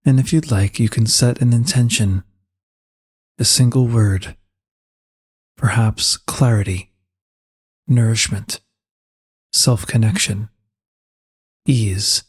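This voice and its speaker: Here a man's soft, husky voice, pitched in the mid range, takes listeners through an unhurried guided meditation in a calm and soothing way.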